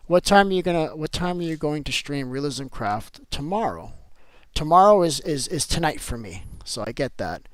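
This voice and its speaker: A man's voice: a little high, very animated, moderate pace, few pauses, a bit bright, no room sound. A man streaming a game live, chatting casually with viewers and reading out their messages, swinging between upbeat and grumbling. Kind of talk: live-stream chat while playing.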